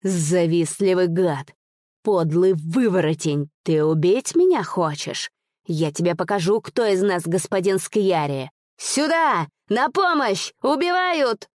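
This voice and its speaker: A woman's voice: lowish voice, animated, takes it slowly, darkish tone, dry recording, studio quality. A woman voicing a furious nobleman master who screams in panic, in an audiobook reading.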